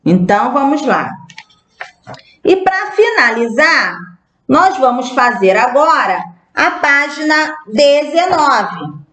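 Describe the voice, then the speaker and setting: A Brazilian woman teaches young pupils in a recorded lesson, going through words one by one. Her voice sits a little high and she speaks very slowly. The room around her is echoey. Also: big pitch swings, fairly bright tone. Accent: Brazilian Portuguese. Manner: slow, patient, spelling out words one by one. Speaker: primary school teacher. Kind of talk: recorded remote class lesson.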